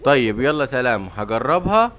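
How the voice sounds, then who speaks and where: A man voices an eager, hasty father lion, king of the jungle, in a cartoon, speaking with an Egyptian Arabic accent. His mid-range voice is very animated and a bit bright, moving at a moderate pace as he rushes to please. Slight background noise is audible.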